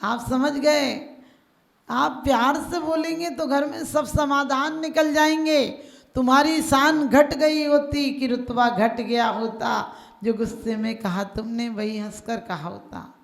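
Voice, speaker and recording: Female preacher, higher-pitched, gravelly voice, storytelling sermon in a reverberant hall. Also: fairly even intonation, takes it slowly. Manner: storytelling, acting out characters' lines, occasionally chanting verses. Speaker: Jain nun preacher. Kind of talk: sermon with stories and verses. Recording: echoey hall.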